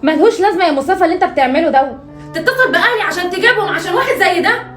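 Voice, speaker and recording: A young woman with an Egyptian accent playing a sharp, defensive wife. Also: very high-pitched, rapid-fire. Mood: defiant. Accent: Egyptian Arabic. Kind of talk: short-film acting. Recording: roomy echo, faint music.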